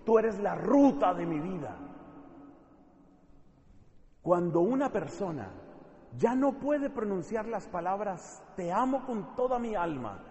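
A man preaching a sermon with passion, moving between loud pleading and hushed questions. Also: high voice, very animated, takes it slowly, long pauses. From not from Spain. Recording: echoey hall with long reverb.

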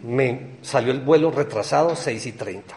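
A young Colombian man telling a personal anecdote in a rambling, excitable way. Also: medium pitch. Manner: excited, rambling, quick storytelling with laughs.

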